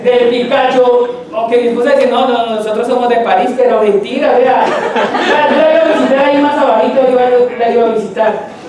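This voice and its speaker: A man's voice: extremely high pitch, fairly quick, crowd noise. A middle-aged Colombian man preaching a sermon in a church hall, talking with the congregation and putting questions to them. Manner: conversational, asks the congregation questions. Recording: echoey hall, distant mic.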